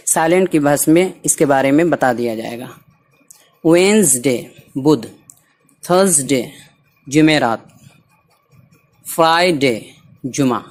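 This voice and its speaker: A man teaching a recorded language lesson, slowly and deliberately repeating each word so it can be copied. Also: a little high, darkish tone.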